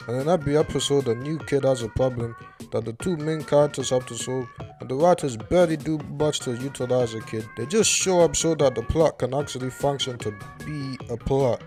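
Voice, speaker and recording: A young man delivers casual YouTube commentary on a cartoon. He sounds dry and sarcastic and swears freely, with his pitch sitting in an ordinary middle range. Faint music plays behind him. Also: darkish tone.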